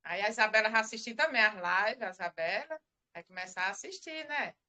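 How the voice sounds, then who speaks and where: A woman's voice: medium pitch, lively intonation, a little fast, sharp tone. A middle-aged woman giving a religious testimony on a live stream, rambling and repeating herself as she tells the story. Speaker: church member giving testimony.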